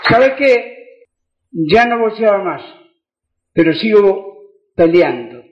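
An older Argentine preacher with a high voice tells his testimony, surging into fervent, shouted praise. The sound is muffled and echoes around a church hall. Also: very animated, takes it slowly, slight background noise. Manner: emotional, builds to shouted praise. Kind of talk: sermon testimony.

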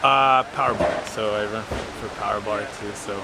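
A young man, a trail runner, answering interview questions outdoors in a relaxed, soft-spoken way. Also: on the low side, moderate pace, heavy background noise. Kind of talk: post-race interview. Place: outdoors in a forest by a race course.

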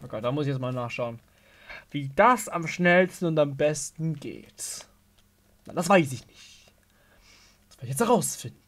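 A man's voice: on the high side, animated, normal speed, long pauses. A man giving casual let's play commentary while he plays a video game. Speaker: gamer commenting on his play. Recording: game music behind the voice. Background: video game music.

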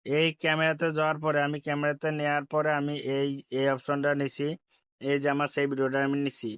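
A man with a Bangladeshi Bengali accent talks viewers through an editing app one step at a time. He keeps circling back to repeat each instruction. His voice is smooth and clear, recorded close and dry with no room sound. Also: fairly high pitch, monotone, fast talker, a bit bright, no room sound. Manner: repetitive step-by-step instruction, addresses viewers politely. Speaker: tech tutorial host. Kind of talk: screen-recorded app tutorial.

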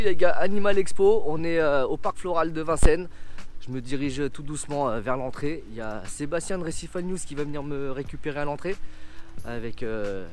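A young man, a reef aquarium YouTuber, chatting casually and upbeat with many hesitations as he vlogs in a shop and a park. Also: mid-range voice. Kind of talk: casual vlog chat.

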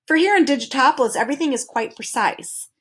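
A woman's voice: sits high, expressive, quick pace, fairly bright tone, husky, pitched above the performer's own voice, exaggerated voice. A woman voicing a fussy, precise male creature with twelve faces, lecturing in a storybook reading. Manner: lecturing, pedantic, exclamatory.

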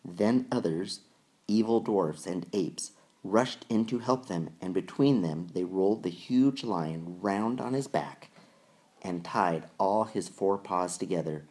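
A man reading a children's novel aloud in measured, deliberate storytelling narration. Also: sits low, darkish tone. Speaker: audiobook reader. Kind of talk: scripted narration.

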